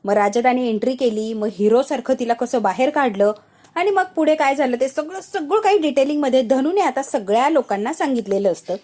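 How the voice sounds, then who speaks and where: A woman's voice: high voice, fairly quick. A woman retelling the day's TV serial episode casually, telling the story with animation. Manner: animated storytelling that acts out the characters' lines. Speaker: TV serial recap narrator.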